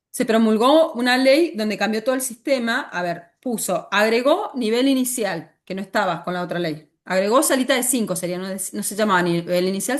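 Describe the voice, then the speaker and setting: A woman teacher with an Argentine accent, lecturing a class and often stopping to ask the students questions. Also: mid-range voice. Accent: Argentine Spanish. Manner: asks the class frequent questions.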